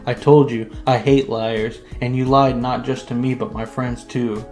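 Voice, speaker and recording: A man's voice: medium pitch, flat delivery, a little slow, darkish tone, soft background music, close to an everyday voice. A man doing a blunt, angry young fighter. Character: angry determined boy fighter.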